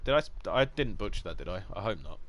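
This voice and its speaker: A gaming streamer from Essex, England, with a low voice and an Essex English accent, delivers casual live-stream commentary. He's very animated and quick, with a fairly bright tone, chatty and jokey, rambling and restarting his sentences.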